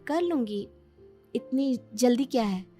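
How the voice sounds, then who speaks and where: A spirited young bride from a cartoon storybook, voiced by a woman, high and bright with a very animated lilt. She talks in an open, expressive way. Soft music plays faintly underneath. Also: measured pace. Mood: chatty. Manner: bright, expressive, wails when in pain.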